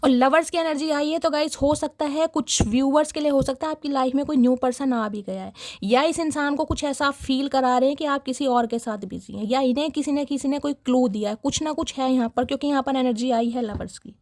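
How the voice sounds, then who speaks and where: A woman's voice: sits high, fairly quick, few pauses, darkish tone, dry recording, studio quality. A young woman giving a casual tarot reading to her viewers, dramatic and chatty, often laughing and calling out to her audience. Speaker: tarot reader.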